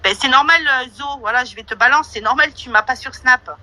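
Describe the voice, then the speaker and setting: A woman's voice: sits high, fast talker, sharp tone, no echo, rough recording. A woman hosting an online audio room, giving a brash, slangy, confrontational monologue. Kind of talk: casual monologue with listener questions.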